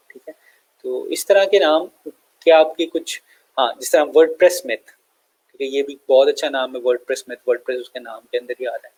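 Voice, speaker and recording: A young man with a Pakistani Urdu accent explaining step by step in a screen-share tutorial, relaxed and full of fillers and check-ins. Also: mid-range voice, poor audio. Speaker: online tutor.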